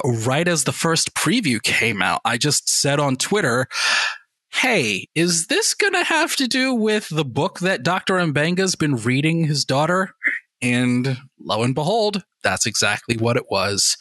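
A man's voice: medium pitch, no echo. A man co-hosting a podcast in casual, enthusiastic chat, often repeating words as he talks. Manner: enthusiastic, animated, with repetitions. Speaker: podcast co-host.

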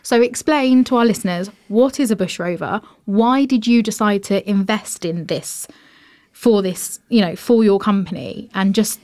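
A woman's voice: mid-range voice, normal speed, darkish tone. A woman hosting a travel podcast, reading a review aloud and asking questions in an enthusiastic, effusive way. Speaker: podcast host. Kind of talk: podcast interview.

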